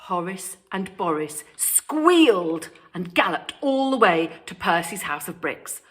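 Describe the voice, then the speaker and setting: With a fairly low, sing-song voice and an unhurried pace, a British primary school storyteller brings a children's story to life. Every so often she turns to quiz the little ones listening.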